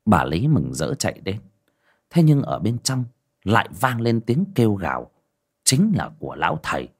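A man's voice: fairly low pitch, huge pitch swings, normal speed, slightly rough. A man narrating a horror story in a dramatic, vivid storytelling manner. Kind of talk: scripted storytelling.

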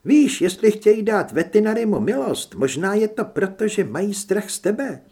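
A man reading an audiobook, voicing a sharp, practical young woman who edits a newspaper. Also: high-pitched, lively intonation, breathy edge, voice pushed up, full character voice. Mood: gentle.

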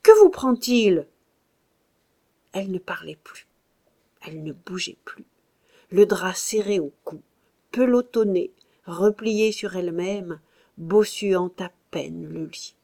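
Woman reading a novel aloud, really slow and expressive, audiobook narration. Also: fairly low pitch, vocal fry. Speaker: audiobook reader. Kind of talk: scripted narration of a classic novel.

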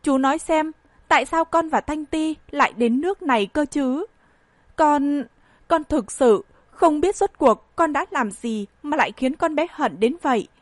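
A woman's voice: sits high, measured pace, dry recording. A woman reading an audiobook voices a scheming woman who pleads in a self-pitying, tearful way. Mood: pleading.

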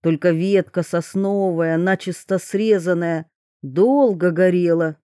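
Slow mellow woman reading a fairy tale. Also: fairly low pitch, no room sound, studio quality. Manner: measured, storytelling. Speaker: audiobook narrator. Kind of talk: fairy-tale audiobook narration.

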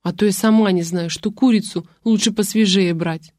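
A woman's voice: mid-range voice, fairly even intonation, moderate pace, no echo, clean studio sound, natural voice. A woman voicing a harried young mother who snaps back sharply. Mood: aggrieved. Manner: sharp, snappy.

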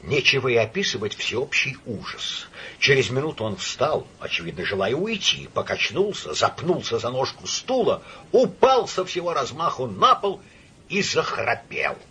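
A man reading an audiobook in a dramatic, expressive way, with a husky voice. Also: mid-range voice, normal speed, slight background noise. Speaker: audiobook narrator.

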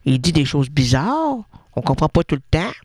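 A man's voice: fairly high pitch, very animated, normal speed, darkish tone, dry recording, clean studio sound. A man voicing a chatty, nosy older woman radio listener with a Québécois accent, rambling and interrupting herself in a radio comedy sketch. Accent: Québécois French. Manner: rambling, gossipy, self-interrupting.

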